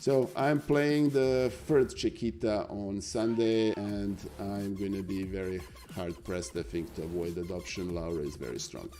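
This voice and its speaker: A man's voice: lowish voice, steady tone, measured pace, hardly any pauses, warm tone, a little hiss or hum. Serbian-accented middle-aged man streaming chess. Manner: chatty, with many fillers and asides to the chat. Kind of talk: live-stream commentary on chess games.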